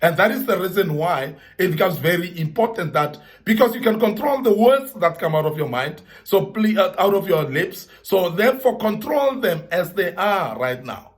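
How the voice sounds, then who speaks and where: Man, high voice, earnest motivational speaker who leans on repetition and scripture. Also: lively intonation, normal speed, few pauses. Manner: earnest, repetitive emphasis, Bible references. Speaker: speaker giving advice to young men. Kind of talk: motivational talk.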